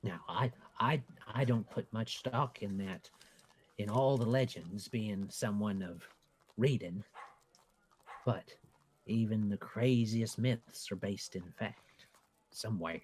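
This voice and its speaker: A man voicing a folksy small-town schoolmarm who tells spooky rumors in a hushed, gossipy way. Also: lowish voice, slow, slight background noise. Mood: ominous, folksy.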